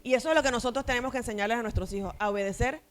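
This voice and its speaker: A woman's voice: fairly high pitch, rapid-fire, soft background music. A middle-aged woman pastor preaching an emphatic sermon to her congregation, acting out short family dialogues as she goes.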